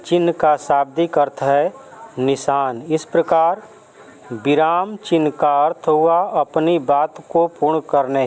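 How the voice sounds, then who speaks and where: A man gives a grammar lesson to a class of children, spelling out definitions and examples one by one. His voice sits a little high. He speaks very slowly and deliberately, turning often to address the pupils. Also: darkish tone, poor audio. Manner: slow, careful explaining with definitions and examples. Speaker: teacher. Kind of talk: Hindi grammar lesson for schoolchildren.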